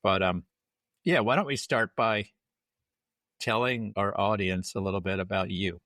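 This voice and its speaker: A man's voice: fairly low pitch, measured pace, fairly bright tone, no room sound, studio quality. A man hosting an interview podcast, talking casually and conversationally with small restarts. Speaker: podcast host.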